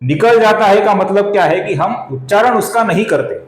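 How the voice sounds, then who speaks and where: A man with a Marathi accent teaching Sanskrit pronunciation, speaking slowly and deliberately and repeating each syllable for his viewers. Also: sits high, lively intonation, echoey room, faint music behind. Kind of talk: recitation lesson.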